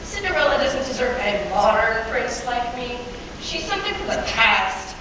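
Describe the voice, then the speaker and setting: A woman's voice: on the high side, very animated, normal speed. A woman playing a pompous, exasperated prince and henpecked husband in a stage fairy-tale comedy. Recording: distant muffled hall, heavy echo, noisy.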